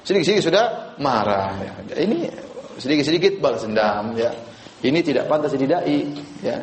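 A man's voice: medium pitch, animated, fairly quick, slight background noise. Joking preacher man, echoey room. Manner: casual, joking, quizzes the audience. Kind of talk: religious lecture to an audience. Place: lecture room with audience.

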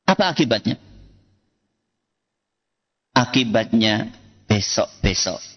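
Animated male preacher. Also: medium pitch. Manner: asks questions and answers them himself, animated. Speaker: Islamic preacher. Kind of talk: sermon to a congregation. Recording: echoey hall, dull lo-fi sound.

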